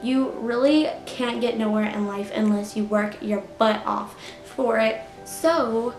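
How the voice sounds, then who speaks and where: A YouTuber in her late twenties chats casually with her viewers in a storytime vlog, peppering her speech with "like" and "you know." Her voice sits fairly high with fairly even intonation, and she speaks slowly. Soft music plays behind her in an echoey room.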